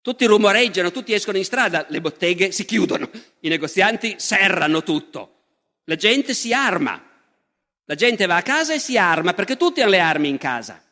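A man gives a public history lecture in an animated, conversational manner and often speaks straight to the audience. His voice sits high and bright. A long reverb from a large lecture hall follows his words. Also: brisk.

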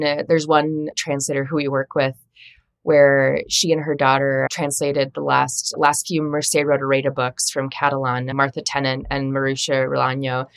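Chatty low-voiced woman editor. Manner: chatty, many restarts and asides. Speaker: editor and translator, interview guest. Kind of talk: casual interview talk.

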